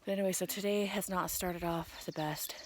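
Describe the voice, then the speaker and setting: A woman's voice: lowish voice, fairly even intonation, fairly quick. A woman vlogging outdoors on a mountain trail, talking to the camera in a tired, stressed way, often sighing and half-whispering. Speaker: vlogger on a long-distance hike. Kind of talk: casual vlog talk to camera.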